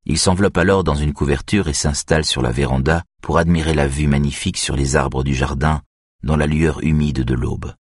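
A man calmly narrating an audiobook in an even reading voice. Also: very deep voice, fairly quick, breathy edge, dry recording, clean studio sound. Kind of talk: scripted narration.

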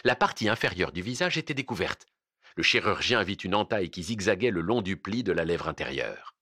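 A man narrating an audiobook in an expressive, dramatic reading on a close mic. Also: low voice, brisk, dry recording.

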